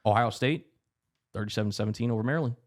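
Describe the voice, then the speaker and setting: A young man co-hosting a casual sports podcast, running through rankings in a quick broadcaster's manner. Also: lowish voice. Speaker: podcast co-host.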